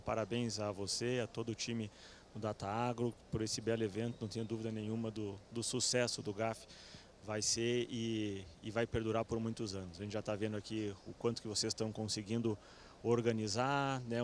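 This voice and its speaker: A man speaking as a company executive on a conference panel, relaxed, tagging sentences with little fillers and fixing his own words as he goes. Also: fairly low pitch, slight background noise. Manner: relaxed, fillers like "né", self-correcting. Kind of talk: conference presentation. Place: event stage with audience.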